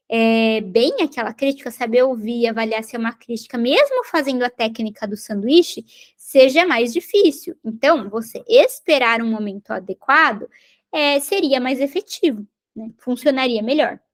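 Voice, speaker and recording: Brief: woman, parenting educator, high voice, explanatory lecture tone. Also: expressive, normal speed. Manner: explanatory, repeats and rephrases points, tag questions. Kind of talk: recorded lecture on parenting skills.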